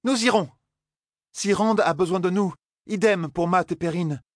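A man's voice: high voice, moderate pace, no echo, clean studio sound, pitched above the performer's own voice, close to an everyday voice. A man reading an audiobook, voicing an eager, impulsive young woman who is a novice.

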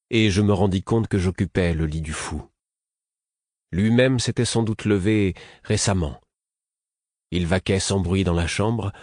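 A man giving measured first-person narration for an audiobook. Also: low voice, darkish tone, no echo, clean studio sound.

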